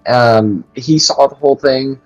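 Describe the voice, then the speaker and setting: A man's voice: mid-range voice, unhurried, lo-fi sound, faint music behind. A man playing a tabletop game, improvising in character with hesitant, repetitive complaints. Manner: hesitant, complaining, repeats himself. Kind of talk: improvised role-play chat.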